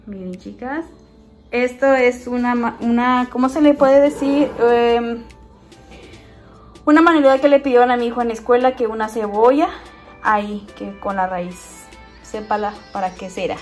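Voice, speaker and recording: Strolling through her small home with a phone in her hand, a woman vlogs a casual house tour and chats with viewers as friends. She talks at a moderate pace in a slightly high voice, and faint music plays behind her.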